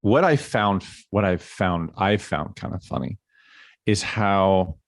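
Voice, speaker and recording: A man co-hosting a podcast, joking in casual chat and quick to tease and riff on his partner. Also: deep voice, lively intonation, no room sound. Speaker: podcast co-host.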